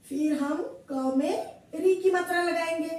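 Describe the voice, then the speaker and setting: Slow, high-voiced patient woman teacher. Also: a little mellow, heavy reverb, far from the mic. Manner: slow, patient, repeats each syllable. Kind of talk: slow classroom explanation.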